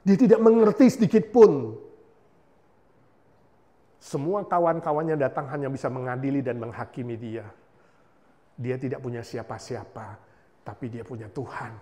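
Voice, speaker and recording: A male pastor preaching at a memorial service, swinging between loud exhortation and hushed prayer, with English words mixed in. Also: mid-range voice, moderate pace, pauses often. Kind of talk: sermon. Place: church.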